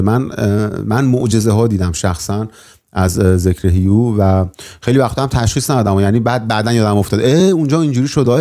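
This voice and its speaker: Mellow-voiced man giving a spiritual talk. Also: fairly low pitch. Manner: thoughtful, many hesitations and restarts. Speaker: spiritual teacher hosting his channel. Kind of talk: casual spiritual lecture.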